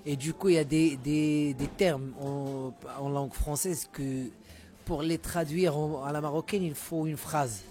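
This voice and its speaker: In a casual interview, a Moroccan musician guest whose native language is Moroccan Arabic speaks unhurriedly in a slightly high, steady, warm voice. He often repeats words while hunting for the right term.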